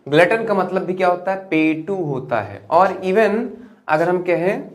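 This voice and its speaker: A man's voice: sits high, animated, a little slow. A man teaching English vocabulary to students in a classroom-style lesson. He drills words by repeating them, asks rhetorical questions, and calls his viewers children.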